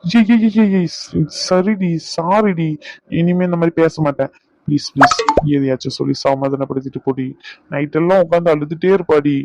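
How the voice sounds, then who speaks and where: A man voicing a hot-tempered young husband who is protective of his family, blunt and quick to anger. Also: on the high side, heavy background noise, natural voice. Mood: pleading. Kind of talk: cartoon voice acting.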